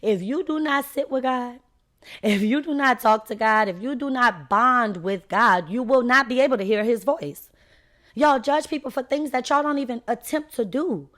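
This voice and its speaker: A woman's voice: a little high, normal speed, fairly bright tone. A woman hosting a faith podcast, talking unscripted and emphatically, and addressing listeners directly as y'all in a preachy tone. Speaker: podcast host.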